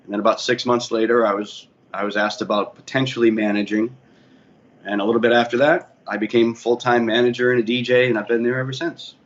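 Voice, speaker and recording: In a muffled recording with faint ambient noise, a man with a mid-range voice talks briskly in a flat delivery. He's a Boston-accented guest from the Boston area, USA, who works as a DJ and bar manager. In a casual interview he tells his career story, rambling and often self-correcting.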